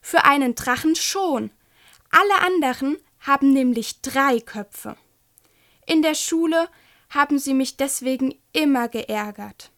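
A woman's voice: sits high, a little slow, a bit bright. Woman reading as small hissing dragon boy.

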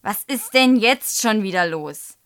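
A woman's voice: mid-range voice, animated, measured pace, clear, resonant tone. A woman putting on a stern scolding schoolteacher. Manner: scolding, loud and raised. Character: stern female class teacher.

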